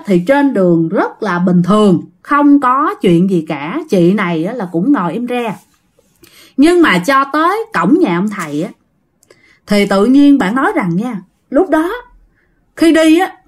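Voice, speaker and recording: A woman telling a ghost story in a chatty way, often speaking straight to her listeners. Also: on the high side. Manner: chatty, addresses listeners directly.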